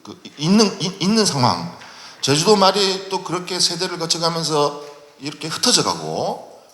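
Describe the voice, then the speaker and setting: Man, middle-aged, halting forum moderator, crisp bright tone, long hall reverb. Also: on the high side. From Jeju, South Korea. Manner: halting, with many drawn-out pauses. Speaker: panel moderator. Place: large lecture hall at a public forum. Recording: echoey hall recording with faint noise.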